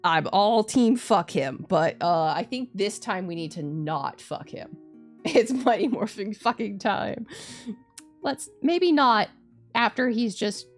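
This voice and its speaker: A woman streamer reading a visual novel aloud and reacting casually, candid and expressive. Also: medium pitch, slow, faint music behind.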